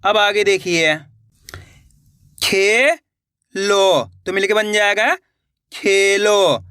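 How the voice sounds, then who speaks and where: A man teaching a beginner reading lesson, sounding out words slowly syllable by syllable and talking directly to his viewers. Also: high voice, fairly even intonation, bright, forceful tone, clean tone, no echo, studio quality. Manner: slow syllable-by-syllable spelling, addresses viewers as friends. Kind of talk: video lesson.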